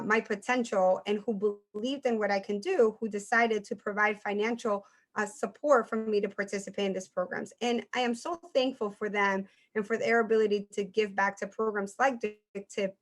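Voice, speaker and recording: A woman in her thirties, born in Colombia with Spanish as her first language, giving an earnest personal talk to teens as a math professor and often checking in with "right?". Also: medium pitch. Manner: earnest, warm storytelling with frequent "right?" tags. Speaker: guest speaker, math professor.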